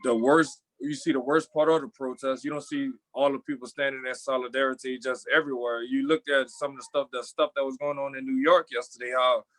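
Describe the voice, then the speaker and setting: A man's voice: medium pitch, flat delivery, brisk, hardly any pauses, a bit bright, dry recording, poor audio. A young man, a former college athlete, talking thoughtfully in a panel discussion, often restarting his sentences.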